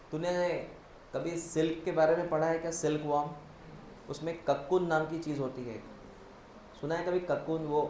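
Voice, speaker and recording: A man's voice: a little high, a little mellow, roomy sound, slight background noise, poor audio. A male biology teacher lecturing a class in Hindi mixed with English terms, quizzing students step by step, spelling words out and answering his own questions.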